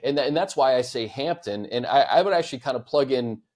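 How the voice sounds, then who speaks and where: A man's voice: mid-range voice, expressive, fairly quick, a little mellow. An American man hosting a sports podcast in casual, conversational talk, often repeating words as he thinks aloud. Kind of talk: casual sports talk, fielding fan questions.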